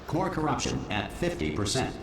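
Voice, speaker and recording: Cool facility announcer computer, far from the mic, echo-heavy. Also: male voice, mid-range voice, normal speed. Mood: flat. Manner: flat, clipped warnings. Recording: distant echoey game audio with noise.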